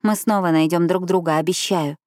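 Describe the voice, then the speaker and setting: A woman's voice: lowish voice, fairly even intonation, brisk, darkish tone, dry recording, studio quality, lightly acted. A woman reading a determined young woman who keeps insisting firmly.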